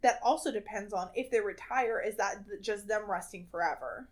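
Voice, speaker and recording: A woman's voice: mid-range voice, normal speed. A woman co-hosting a podcast in casual chat, giggly and laughing often, with many fillers. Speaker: podcast co-host.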